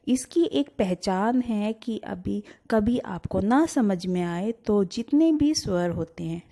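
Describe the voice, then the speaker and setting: A woman's voice: medium pitch, dark tone. A woman teacher giving a grammar lesson to children, patiently explaining and asking them to repeat the words aloud. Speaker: Hindi teacher.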